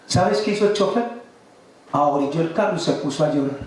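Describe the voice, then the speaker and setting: A man's voice: fairly high pitch, brisk, slight background noise. A man preaching a sermon as a story, asking the congregation questions and acting out the people in it. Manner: asks the congregation rhetorical questions; acts out the people in his story. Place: large church hall. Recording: very echoey hall from far off, faint music.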